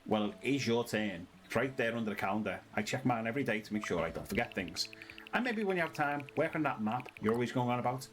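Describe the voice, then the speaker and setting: A man's voice: fairly low pitch, quick pace, few pauses, faint music behind, low-quality recording. A British man doing casual let's-play commentary, chatty and reading the game's text aloud in a sing-song way. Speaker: gaming channel host.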